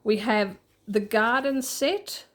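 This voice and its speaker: An Australian woman runs a budgeting channel, and her voice is slightly high and unhurried. She chats casually while showing off her printables, laughing at herself in a relaxed show-and-tell walkthrough.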